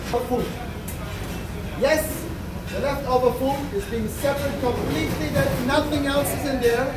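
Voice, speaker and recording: This man guides a group around a large ship kitchen, joking and chatting in an extremely high-pitched, loud, projecting voice. He was taped from across the room by a camera in the crowd, so the sound is echoey and noisy.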